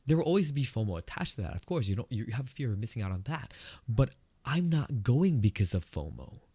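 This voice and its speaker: Hosting his own podcast, a man from the Philippines talks through a personal topic in a solo, reflective way, earnest and conversational, his pitch leaping up when he wants emphasis. His tone is warm with a breathy edge, and there's no echo.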